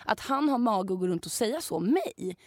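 A young woman, a podcast co-host, casually telling a story in an animated way, swearing freely and acting out what people said. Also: mid-range voice, no room sound, clean studio sound.

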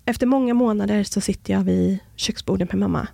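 Woman guest on a podcast, creaky voice, earnest and halting, dry close mic. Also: medium pitch, dark tone, dry recording. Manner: earnest and halting, with many restarts. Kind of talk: personal storytelling in a conversation.

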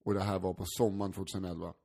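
A man's voice: deep voice, creaky. En man som berättar en pinsam anekdot i ett avslappnat samtal, skrattar ofta, svär och spelar upp röster. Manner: animated, acts out voices in anecdotes, swears freely; laughs often while talking. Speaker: stand-up comedian, podcast co-host. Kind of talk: casual storytelling chat.

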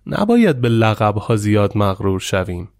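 A man voicing a wise older male teacher who speaks gently and measured, as if smiling. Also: lowish voice, big pitch swings, no echo, studio quality. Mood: calm.

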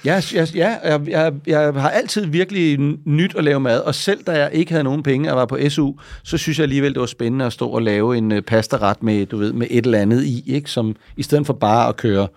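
A man with a gravelly, creaky voice tells long, rambling stories in a relaxed interview. He keeps checking in with tag questions and restarts his sentences. The room is dry, with no echo. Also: mid-range voice, few pauses. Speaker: interview guest. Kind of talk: casual interview talk.

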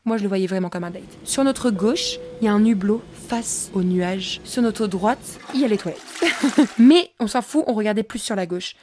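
A young woman hosting a podcast, telling a personal story in a casual, slangy way and acting out the dialogue in quick bursts. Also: medium pitch, a little mellow, a little hiss or hum. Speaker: podcast host.

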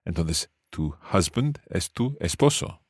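A man's voice: sits low, big pitch swings, slow, breathy edge, no echo, studio quality. A man teaching family words in English, explaining patiently and repeating each word for his student. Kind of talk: language lesson dialogue.

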